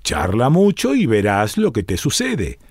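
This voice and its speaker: A man's voice: mid-range voice, wildly swooping pitch, unhurried, slightly rough, no echo, studio quality, exaggerated voice. A man reading aloud and voicing cruel armed soldiers who bark scornful orders. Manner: barking, scornful commands.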